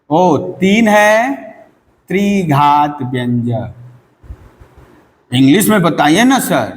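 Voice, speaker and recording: High-voiced male teacher, slow drawl. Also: long reverb tail, rough recording. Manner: asks and answers his own questions, slows to stretch key terms; calls students "beta" warmly. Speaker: maths teacher. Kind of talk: classroom maths lesson.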